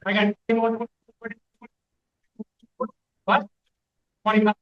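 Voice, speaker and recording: A man's voice: high voice, completely flat delivery, takes it slowly, dull audio. A man working as an auctioneer, calling bids in a repetitive chant of numbers and prompts to bidders, recorded in a room from a distance. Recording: echoey room, distant microphone.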